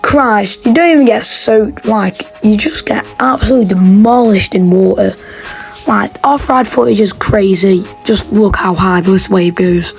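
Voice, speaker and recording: A woman gives a casual vlog voice-over, rambling happily from one ride to the next. Her pitch sits in the middle of a woman's range, and her enthusiasm keeps the chat loose and personal. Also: unhurried, gravelly, soft background music, low-quality recording. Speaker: theme park vlogger. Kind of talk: casual voice-over ranking rides.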